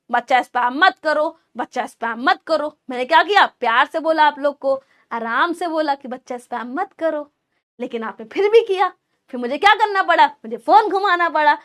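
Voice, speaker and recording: A woman's voice: high-pitched, a bit bright. A young woman teaching an online chemistry class, talking to her students as beta and asking and answering her own questions, with Indian English words mixed in. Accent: Indian English mixed into Hindi. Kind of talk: live online class lecture.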